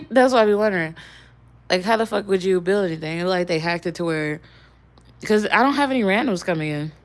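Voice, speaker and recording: A woman's voice: mid-range voice, lively intonation, brisk. A young woman streaming live and talking loosely with her viewers. She rambles from one thought to the next, cursing casually, with a mid-range voice. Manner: swears casually. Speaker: livestreamer.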